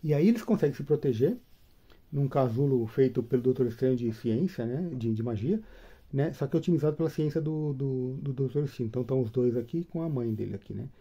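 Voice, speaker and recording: A man casually retelling a comic book story, chatty and animated, tagging his sentences with questions. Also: medium pitch, fast, breathy edge.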